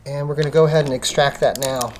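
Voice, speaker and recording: This woman speaks fast in a very deep, bass-like voice with a steady tone. She presents a casual step-by-step car repair tutorial, working with her hands as she talks, over clearly noisy audio full of clicking tools.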